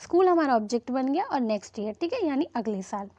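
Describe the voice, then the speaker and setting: A woman teaching English grammar to Hindi speakers, checking in with "okay?" after each point and reading example sentences slowly. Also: high voice, very animated, a little mellow, no echo. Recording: slightly dull, lo-fi sound.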